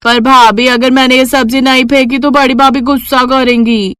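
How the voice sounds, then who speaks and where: A woman voicing a timid, poor housemaid in a cartoon, speaking softly and humbly. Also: high-pitched, flat delivery, moderate pace, clean tone, dry recording, clean studio sound. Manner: soft, hesitant and humble.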